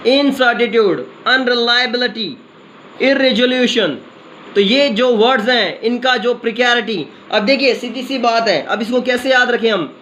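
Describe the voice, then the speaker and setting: A man teaching vocabulary in an energetic exam-prep lesson, chanting memory tricks in a sing-song way. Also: very high voice. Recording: slightly dull lo-fi sound with faint noise.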